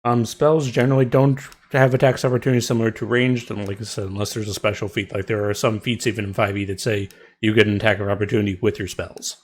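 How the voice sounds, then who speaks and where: A man's voice: fairly low pitch, level tone, fast, hardly any pauses, a little mellow. A man as game master, explaining rules and narrating the scene with frequent ums and restarts. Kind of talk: narrating and ruling a tabletop game.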